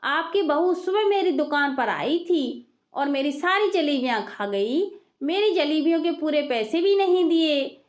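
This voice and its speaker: A woman's voice: sits high, expressive, a little slow. A woman voicing a blunt, money-minded village sweet seller in a storybook tale, speaking insistently.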